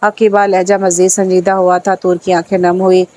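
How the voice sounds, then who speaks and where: Woman narrator for a romance audiobook, low and flat, steady and even. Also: a little hiss or hum. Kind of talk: scripted narration of a romance novel.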